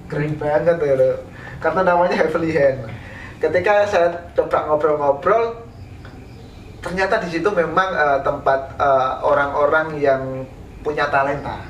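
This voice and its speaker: Man from East Java, telling stories slowly. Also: a little high, steady tone, fairly bright tone, highs cut off. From East Java, Indonesia. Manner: unhurried, halting, many fillers. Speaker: interviewed painter. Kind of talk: casual interview storytelling. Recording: roomy, from a distance, faint background noise.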